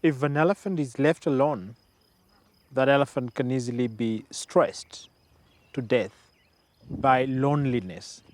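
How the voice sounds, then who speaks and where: A man's voice: medium pitch, unhurried, pauses often, no room sound. A man who works as an animal keeper, explaining things in conversation. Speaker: elephant keeper.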